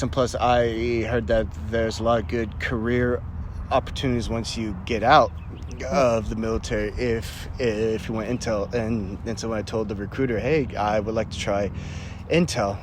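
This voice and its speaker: A young Canadian man, a Marine veteran, tells his stories casually in an interview, his voice medium in pitch with slight background noise. He laughs often, stumbles through fillers and restarts, and acts out the voices of people he quotes.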